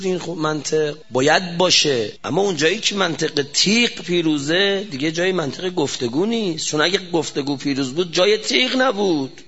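A man's voice: on the high side, a bit bright, dull audio. A man preaching an impassioned religious sermon, firing rhetorical questions and shifting his pace sharply.

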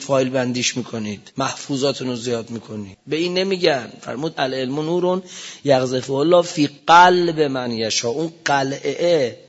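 Man preaching a sermon, impassioned, raised voice to quiet murmur, fairly high pitch, dull lo-fi sound. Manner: impassioned, swings between loud exclamation and soft murmurs. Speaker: cleric preacher. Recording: dull lo-fi recording.

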